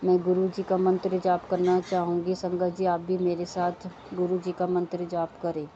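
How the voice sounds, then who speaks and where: Low, flat-voiced woman giving a devotional talk. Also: normal speed, muffled recording, slight background noise. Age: adult with children. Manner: earnest, repeats devotional phrases. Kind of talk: devotional talk with mantra chanting.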